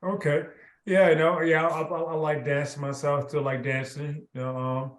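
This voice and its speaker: A man's voice: a little high, level tone, normal speed. A man hosting a casual interview, talking in a loose, rambling way with constant filler affirmations. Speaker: podcast host. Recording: roomy video call audio.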